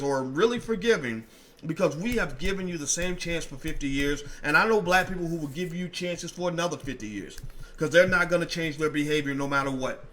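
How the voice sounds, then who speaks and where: A man's voice: on the high side, pushed and bright. A man podcast host speaking in a blunt, emphatic monologue, repeating phrases, with a slight odd sound in his teeth from dental work. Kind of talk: opinionated monologue to camera.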